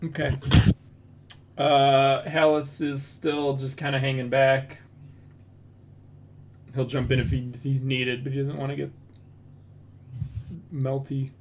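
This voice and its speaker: A man's voice: mid-range voice, little pitch movement, slow pace, long pauses, a little hiss or hum. A man running a tabletop game as dungeon master, narrating monster turns in a laid-back, dry way.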